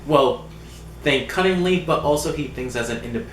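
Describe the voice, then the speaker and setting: A man's voice: medium pitch, normal speed, a bit bright, roomy sound, slight background noise. A man chatting casually as a panelist, explaining his picks in rambling, restarting sentences. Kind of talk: casual chat.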